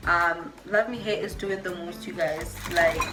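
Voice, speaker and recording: A woman vlogging an excited hair unboxing, gushing and repeating herself as she talks to her viewers. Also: lowish voice, measured pace, echoey room, over music. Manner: gushing, repeats herself, says "you guys" often.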